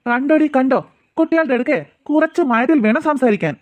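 A teasing, easygoing cartoon father, voiced by a man, his voice set high and talking fast. His speech sounds dry, close and plain. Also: no echo, highs cut off. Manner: jokey, coaxing, quick talk.

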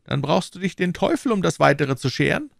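A man voicing a scheming, smooth-talking schemer who coaxes and lectures in a patronizing way. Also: a little high, big pitch swings, fairly quick, no room sound, clean studio sound, pitched above the performer's own voice, exaggerated voice. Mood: persuasive. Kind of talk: audiobook character voicing.

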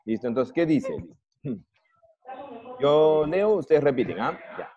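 A man teaching an English class online in Peruvian Spanish, patient and drilling words slowly. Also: on the high side, sing-song, lo-fi sound, crowd noise.

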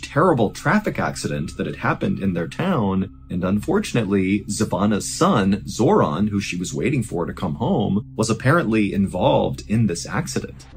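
A man hosting a podcast, narrating a true-crime story in a casual, conversational way. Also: on the low side. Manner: casual and conversational, with fillers like "you know".

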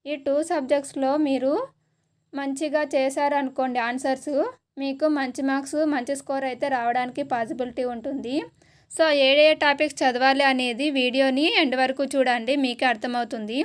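A woman with a Telugu accent teaching an exam-preparation lesson, listing terms slowly one by one. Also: sits high, steady tone.

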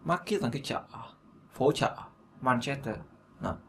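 A man's voice: medium pitch, animated, measured pace, creaky, a bit bright. A man with a Vietnamese accent teaching a beginner English lesson, chatty, repeating words often and breaking in with fillers and asides. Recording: echoey room with faint noise.

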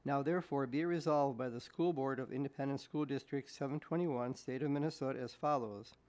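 In a meeting room, a man speaks into a desk microphone as he reads official resolutions at a school board meeting. His delivery is measured and deliberate, and his mid-range voice is slightly mellow.

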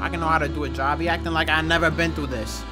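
A young man commentating a video game casually, with loud, profane, joking reactions. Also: on the high side, fairly even intonation, racing, over loud music. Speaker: gaming streamer.

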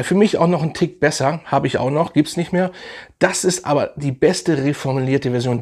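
A young man casually reviewing fragrances in a vlog, enthusiastic and slangy, rambling with fillers. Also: medium pitch.

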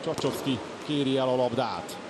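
A man giving excited Hungarian sports commentary as a live commentator, swelling on the key moments. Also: mid-range voice. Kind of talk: live water polo commentary. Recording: loud pool-hall noise behind. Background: loud indoor pool ambience.

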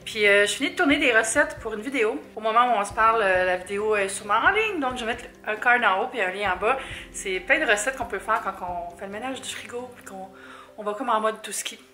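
A woman's voice: fairly high pitch, lively intonation, fast, bright, forceful tone, faint music behind. A young woman from Quebec with a Québécois accent, chatting casually in a vlog, rambling and laughing often, now and then dropping English words. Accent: Québécois French. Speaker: vlogger. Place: her apartment, indoors.

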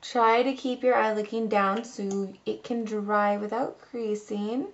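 At a slow pace and with fairly even intonation, a woman in her twenties talks through a casual makeup tutorial in her mid-range voice. As a beauty vlogger filming in a small room at home, she keeps it chatty and informal. The camera-mic recording is muffled.

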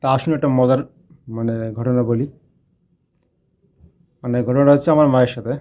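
Warm-voiced man telling a story. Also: medium pitch, steady tone, normal speed. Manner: chatty, talks straight to the listeners with questions. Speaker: vlogger telling a personal anecdote. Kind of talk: casual spoken storytelling.

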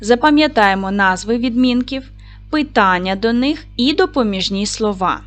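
A woman primary school teacher giving a recorded video lesson, speaking clearly and encouragingly to the children. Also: a little high, animated, moderate pace, faint music behind. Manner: clear, encouraging classroom delivery.

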